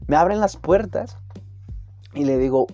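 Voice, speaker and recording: A man's voice: fairly high pitch, lively intonation, a little slow, mellow, dull audio, soft background music. A young man with a Mexican accent tells a story in a casual, slangy way and acts out the dialogue as he goes.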